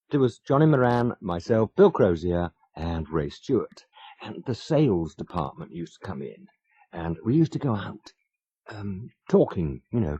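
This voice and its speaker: A man's voice: sits low, dark tone, breathy edge, no echo. A man in his fifties telling wry, self-mocking stories as a radio presenter, chuckling as he goes. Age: 50s. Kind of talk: anecdotal radio chat. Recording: muffled old radio broadcast.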